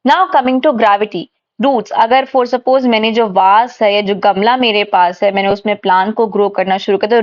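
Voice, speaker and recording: A woman teaching a science lesson, explaining step by step and asking her class questions that she answers herself. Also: a little high. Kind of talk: classroom lecture mixing Hindi and English. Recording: dull lo-fi recording.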